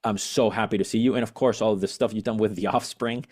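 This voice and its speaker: A man's voice: fairly low pitch, fairly even intonation, fast, a little mellow. A man from Venezuela, a musician guest on a podcast, chatting eagerly and rambling with many fillers and restarts. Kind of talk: casual interview chat.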